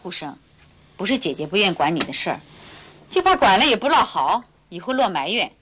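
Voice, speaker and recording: An actress playing a proud, educated elder sister who speaks firmly and lectures. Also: female voice, mid-range voice, very animated, brisk, fairly bright tone, a little hiss or hum. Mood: stern lecturing. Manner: firm, lecturing, decisive. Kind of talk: 1990s TV drama acting.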